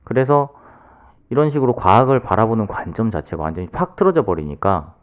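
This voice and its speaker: A man co-hosting a podcast, talking quietly and explaining a book at length in casual chat, with many fillers. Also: lowish voice, big pitch swings, fairly quick, smooth. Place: podcast studio.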